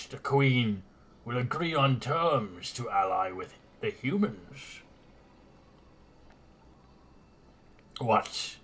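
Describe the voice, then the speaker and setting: A man voicing a stern male lizardfolk warrior who speaks in slow, measured threats. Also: fairly low pitch, slightly rough, heavily acted. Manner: slow, measured threats ending in a hushed whisper.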